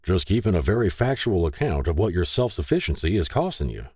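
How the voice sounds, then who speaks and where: A man voicing a gruff, devout rural father who blusters in a folksy way. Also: low voice, big pitch swings, fairly quick, darkish tone, dry recording, studio quality, exaggerated voice. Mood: stern. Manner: folksy hollering with country sayings.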